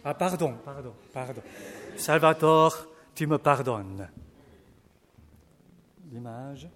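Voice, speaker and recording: A man preaching, reading scripture slowly and then commenting casually to his congregation with fillers and asides. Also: medium pitch, fairly bright tone, in a large hall.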